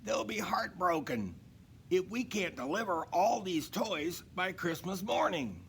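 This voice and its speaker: A man's voice: high-pitched, expressive, unhurried, a little hiss or hum, voice pushed up. A man voicing a weary, plaintive, apologetic horse in a storybook. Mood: worried. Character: weary apologetic horse pulling Santa's sleigh.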